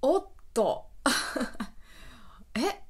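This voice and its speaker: A woman's voice: high-pitched, sing-song, drawn-out words, slightly rough. A woman hosting a casual solo web radio chat, explaining things in a chatty way with frequent laughs, on a home studio mic.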